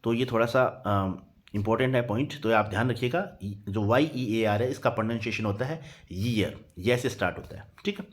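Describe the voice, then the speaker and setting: A patient man teaches an English grammar lesson at an even, unhurried pace. He spells each word out letter by letter. After every point he checks in with his students. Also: lowish voice. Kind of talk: Hindi-medium grammar lesson.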